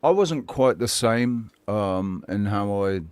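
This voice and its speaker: A middle-aged man hosting a casual podcast chat, halting and restarting his phrases, often repeating words. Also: fairly low pitch, lively intonation, darkish tone, smooth, dry recording. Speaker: podcast host.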